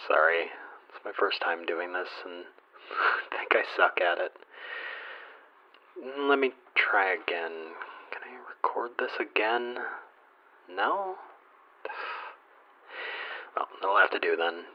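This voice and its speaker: A man's voice: low voice, lively intonation, slow pace, long pauses. A man playing a nervous, lonely fire watcher calling a radio station in an audio drama, stammering, hesitant and self-deprecating. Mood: nervous, embarrassed. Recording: dull lo-fi radio call.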